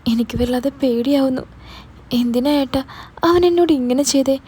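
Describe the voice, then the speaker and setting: A woman's voice: sits high, moderate pace, dark tone, slightly rough, voice pushed up. A woman voicing a heartbroken nineteen-year-old girl who tells her story through tears, in broken, pleading phrases. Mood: tearful.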